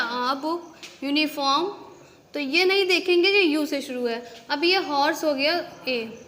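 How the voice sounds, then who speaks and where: A woman's voice: sits high, sharp tone, long reverb tail. A woman teaching an English grammar lesson, asking rhetorical questions and answering them herself. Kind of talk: classroom-style grammar lesson.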